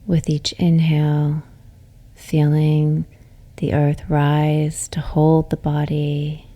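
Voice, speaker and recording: Her voice sits low as she leads a yoga nidra session, calm and unhurried with no rise or fall at all. This woman ends her phrases on soft, breathy exhales, keeping the relaxation meditation gentle and soothing.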